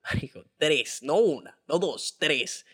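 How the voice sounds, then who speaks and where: A man's voice: on the high side, lively intonation, slow pace, a bit bright, breathy edge. A young man with a Venezuelan accent, co-hosting a casual podcast and telling a story animatedly with crude slang. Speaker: podcast co-host. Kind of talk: casual chat.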